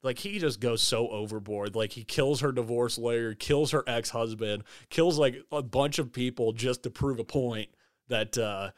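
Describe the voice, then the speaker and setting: A man chatting casually as a podcast co-host. He rambles in a laid-back way and his voice sits at an ordinary middle pitch. His sentences often trail off into quieter asides. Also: normal speed, dry recording, clean studio sound. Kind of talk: casual chat.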